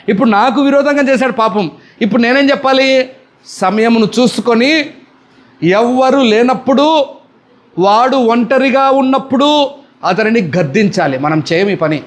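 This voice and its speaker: A man's voice: extremely high pitch, expressive, normal speed, long pauses. A male pastor with a Telugu accent preaching a sermon, often firing questions at the congregation and demanding answers.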